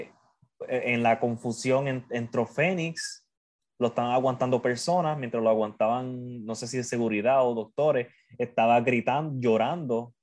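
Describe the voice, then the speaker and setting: A man with an average-pitched voice chats casually on a podcast. He jokes easily and pauses on filler words as he recounts events. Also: a little mellow. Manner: joking, hesitant with filler words. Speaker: wrestling podcast co-host.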